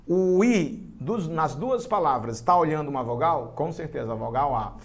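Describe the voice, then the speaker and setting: A man's voice: fairly high pitch, moderate pace. A man with a Brazilian accent teaching a live online grammar lesson for exam prep, chatty and talking straight to his students. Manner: animated, chatty, addresses students directly.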